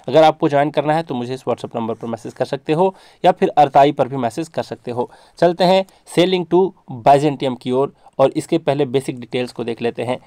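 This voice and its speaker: A man's voice: mid-range voice, mellow, no echo, studio quality. A man giving an exam-focused English literature lecture, explaining step by step in a patient, repetitive way. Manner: explains in a patient, repetitive way, drifting between Hindi and English terms.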